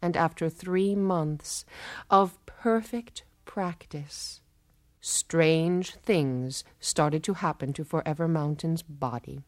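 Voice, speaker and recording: A woman telling a folktale in a measured, lilting, rhythmic way. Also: deep voice, darkish tone, dry recording, studio quality. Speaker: storyteller. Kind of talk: expressive folktale narration.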